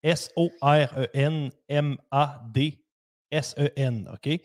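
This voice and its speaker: A man with a Quebec French accent hosting a casual radio show with energetic enthusiasm. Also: on the high side, slow.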